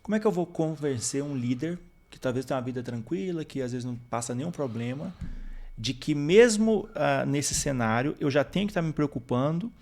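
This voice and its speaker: A man from Brazil with a gravelly, creaky voice asks a long interview question. He hesitates, pausing and restarting as he frames it. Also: on the high side, lively intonation, a little mellow. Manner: hesitant, many fillers while framing a long question.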